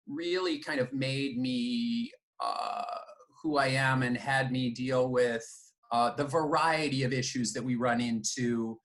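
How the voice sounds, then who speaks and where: Middle-aged male interview guest, reflective storyteller, medium pitch, unhurried with fillers. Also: fairly bright tone. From United States, raised in Japan. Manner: reflective, measured, with fillers and restarts. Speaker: guest, company founder and CEO.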